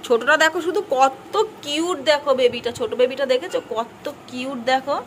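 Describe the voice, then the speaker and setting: A woman's voice: high-pitched, normal speed, slight background noise. A young woman filming a casual family vlog, chatting with her child and the viewers, teasing and scolding by turns. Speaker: mother and vlogger.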